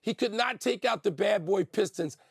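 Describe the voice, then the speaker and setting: A man's voice: high-pitched, expressive, moderate pace, creaky, slightly rough, no room sound, clean studio sound. An older man co-hosting a sports debate show, emphatic and opinionated as he argues his picks. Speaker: sports talk show co-host.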